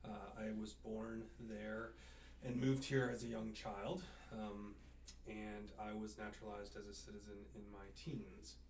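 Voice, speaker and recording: A man originally from Chile, a professor speaking as an interview guest, hesitant and filling his pauses with ums and uhs. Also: lowish voice, flat delivery, a little mellow, slight background noise. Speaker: professor of athletic training. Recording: echoey room from a distance.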